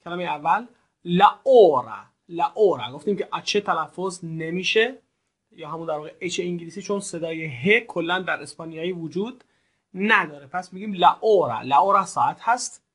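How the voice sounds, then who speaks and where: Male language teacher, higher pitch, courteous and formal, slow deliberate model words for repetition. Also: fairly bright tone. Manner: polite, formal address to learners. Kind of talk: recorded language lesson.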